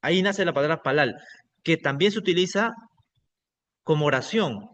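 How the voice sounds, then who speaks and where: Slightly high-voiced man teaching a class. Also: lively intonation, moderate pace, a bit bright. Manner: explanatory, checks in with frequent "ok?". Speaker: pastor teaching biblical Hebrew. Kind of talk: online class lecture.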